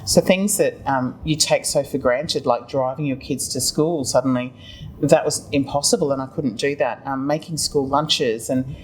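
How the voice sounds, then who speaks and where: A middle-aged Australian woman from Tasmania talks through her own experience as an interview guest. She explains in halting phrases, often rewording as she goes. There is faint ambient noise behind her voice. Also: rumbling low, rough recording. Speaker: interview guest, children's book author. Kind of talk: conversational personal account in an interview.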